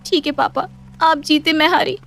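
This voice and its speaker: Rich: A lovestruck young daughter from a cartoon storybook, devoted and headstrong, pleading with her father, played by a woman. Her voice is extremely high, and soft music hums faintly behind her. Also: steady tone, normal speed, gravelly. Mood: resigned. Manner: pleading, emotional. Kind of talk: animated storybook voice acting.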